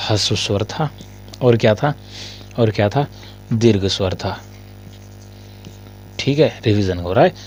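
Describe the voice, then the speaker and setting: A male Hindi grammar teacher in a casual lesson. He asks his students questions, answers them himself, and often coughs and clears his throat. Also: mid-range voice, a little mellow, a little hiss or hum.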